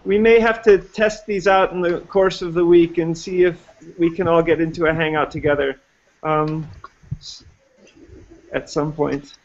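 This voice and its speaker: A man's voice: fairly high pitch, steady tone, measured pace. A man running introductions for an online class, talking hesitantly with many fillers and restarts over a video call. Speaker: course instructor. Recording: dull lo-fi online call audio.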